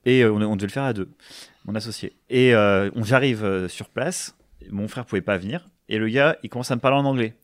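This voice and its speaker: A man's voice: fairly low pitch, a little fast, no room sound, clean studio sound. A young man in casual chat, telling an anecdote with animation and laughing through it.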